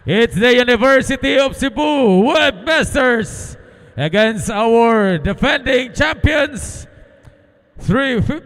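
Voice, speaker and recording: A man announcing teams as an echoing stadium announcer, booming and drawn out. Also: a bit bright. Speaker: arena announcer. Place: large indoor coliseum, over PA. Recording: long echoing arena PA reverb.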